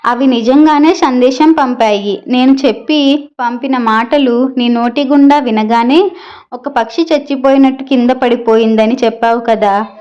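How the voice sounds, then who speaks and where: A woman voicing a gentle female songbird kept in a cage, speaking earnestly and wisely of her longing for freedom. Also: on the high side, muffled recording, close to an everyday voice.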